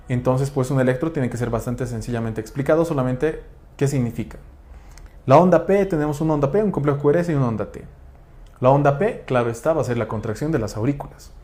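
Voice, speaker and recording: A man's voice: medium pitch, darkish tone. A man lecturing on physiology, asking rhetorical questions and checking in with tag questions. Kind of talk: explanatory lecture.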